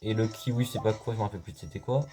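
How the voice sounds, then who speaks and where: A man's voice: on the low side, very fast, dark tone, a little hiss or hum. A man giving casual, joking gameplay commentary as a let's play host, talking to the game and viewers, with faint game music behind.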